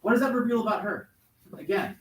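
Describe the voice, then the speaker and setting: A man's voice: high-pitched, expressive, fast, a little hiss or hum. A male teacher leading a class discussion, questioning and coaxing students for answers. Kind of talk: classroom lesson. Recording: very echoey classroom from far off.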